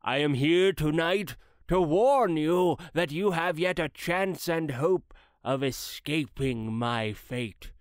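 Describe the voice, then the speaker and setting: An actor playing the solemn ghost of a dead old businessman who speaks in slow, grave, mournful pronouncements. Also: on the high side, dry recording, studio quality. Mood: urgent warning. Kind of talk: dramatized classic story reading.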